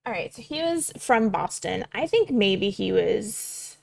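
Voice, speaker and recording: A woman's voice: mid-range voice, very animated, measured pace, creaky, a little mellow, no echo. A young woman casually thinking aloud while she prepares a tabletop game, rambling with many fillers and casual swearing. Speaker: game master prepping a campaign.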